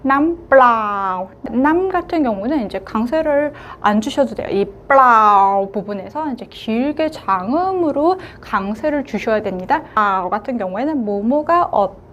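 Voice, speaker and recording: A woman with a high voice teaches a language lesson. She models words slowly and stretches out the sounds. Her explanations keep returning to a short filler word. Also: expressive, fairly bright tone, muffled recording, a little hiss or hum. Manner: slow, drawn-out modelling of words, frequent "자".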